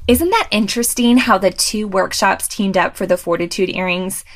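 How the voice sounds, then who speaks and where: A woman's voice: medium pitch, normal speed. A woman hosting and narrating a scripted recap in an upbeat, enthusiastic way, recorded as a studio voice-over. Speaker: host.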